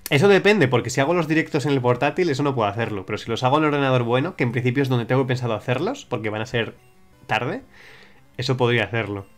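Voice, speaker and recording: A man's voice: medium pitch, fast talker, faint music behind. Chatty young man streaming. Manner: chatty, rambling, with frequent restarts and swearing. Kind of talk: casual livestream chat reading viewer suggestions.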